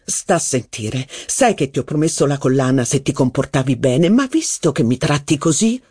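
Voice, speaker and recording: A man voicing a jealous, gloomy young aristocratic officer in an audiobook, speaking slowly. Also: medium pitch, lively intonation, a little mellow, husky, no room sound, studio quality. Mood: pleading. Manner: slow, brooding, pleading. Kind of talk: audiobook character voice.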